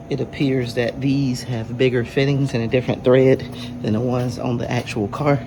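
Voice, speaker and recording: A man giving casual, plain-spoken narration of his own car repair, explaining it step by step as he works. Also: mid-range voice. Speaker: DIY car repair vlogger. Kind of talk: casual hands-on narration to camera. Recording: noisy workshop with vehicle-like background noise.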